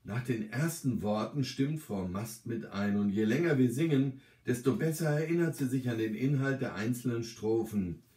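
A man calmly and gently reading a short story aloud as its narrator. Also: mid-range voice, moderate pace, few pauses, recorded from a distance. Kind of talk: scripted narration. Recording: roomy, from the mic.

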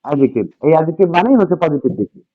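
A man with a slightly high, expressive voice talks very fast while teaching English grammar to a class. He repeats key points and asks students questions in a call-and-response style. The recording is dull, dry and lo-fi, with no echo.

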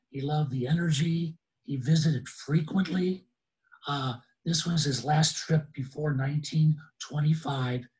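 A man in his sixties with a slightly high voice, an enthusiastic guest speaker who laughs often, gives a casual webinar talk over a video call on a low-quality recording.

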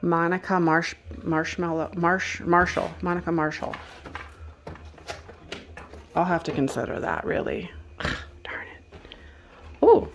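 A chatty woman narrates as she browses a house sale, talking to the phone in her hand in a low-ish, easy voice. She exclaims often and thinks aloud about what things cost. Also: slow pace, creaky, pauses often. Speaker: vintage reseller vlogger. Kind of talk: casual walk-through narration. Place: indoors at a house estate sale.

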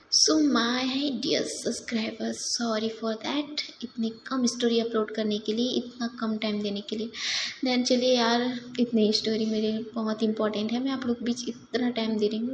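A woman's voice: fairly high pitch, reverberant, slight background noise. A young woman narrating a love story casually and conversationally to her subscribers, mixing in English words. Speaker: storyteller, channel host.

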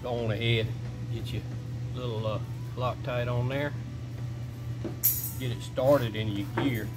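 A man's voice: medium pitch, steady tone, a little slow. Folksy middle-aged man explaining shop work. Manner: plain step-by-step talk with folksy phrasing. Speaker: shop owner showing a repair. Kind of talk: casual how-to instruction. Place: indoor workshop. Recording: music playing underneath. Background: background music.

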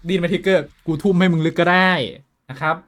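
A man streaming a game live, talking with his viewers in a profane, excitable way that swings between loud outbursts and quiet muttering. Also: high voice, fast. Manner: switches between shouting and muttering. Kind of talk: casual live-stream commentary.

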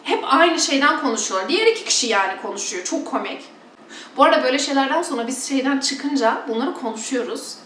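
A woman's voice: high-pitched, animated, fast talker, a bit bright, echoey room, distant mic, slight background noise. A woman from Turkey chatting casually and bluntly to her followers, mocking preachers with exaggerated imitations. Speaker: vlogger.

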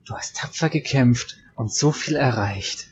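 A woman voicing a gentle female spirit that speaks softly from a dream, as she reads game dialogue aloud. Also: a bass voice, unhurried, lo-fi sound, a little hiss or hum. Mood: solemn.

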